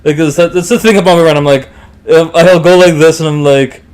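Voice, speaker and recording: A man's voice: fairly high pitch, steady tone, fairly quick, a little mellow. A man hosting a podcast, chatting eagerly with his guest and laughing often. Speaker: podcast host. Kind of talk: casual interview chat.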